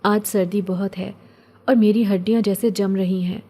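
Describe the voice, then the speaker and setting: A woman voicing a lonely, poor young orphan girl who speaks softly and plaintively. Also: medium pitch, fairly even intonation, close to an everyday voice. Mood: wistful. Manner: soft, wistful, plaintive.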